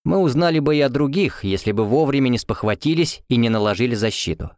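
A man narrating a fantasy novel as an audiobook reader, in an even, measured storytelling manner. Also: medium pitch, no room sound. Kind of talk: scripted narration. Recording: dry close recording.

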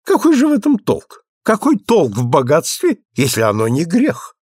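A man's voice: huge pitch swings, moderate pace, darkish tone, husky, no room sound, clean studio sound, full character voice. A man reading aloud and voicing a gushing, theatrical society lady with breathless, exalted speech. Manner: breathless, exalted, swooping high.

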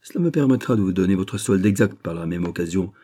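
A man voicing an effusive, flattering middle-aged male bank sub-director in an audiobook reading. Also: low-pitched, fast talker, breathy edge. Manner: gushing, emphatic, flattering.

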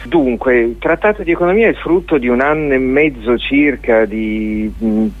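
On a radio interview, a guest artist who works in theatre and dance explains a show in a roundabout way, groping for words. His voice is mid-range at a moderate pace, soft music plays in the background, and the line sounds narrow and tinny, like a phone.

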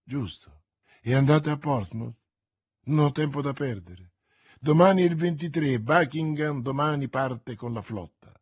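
A man's voice: mid-range voice, animated, measured pace, breathy edge, dry recording, clean studio sound. Man reading as a scheming noblewoman. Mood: urgent. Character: cunning noblewoman, a scheming escaped prisoner.

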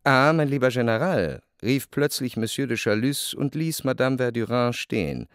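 Playing an observant literary narrator in a radio play, a man tells the story in a measured, wry manner. His medium-pitched voice is natural, expressive, clear and resonant, with widely varied intonation. The studio recording is clean, with no echo.

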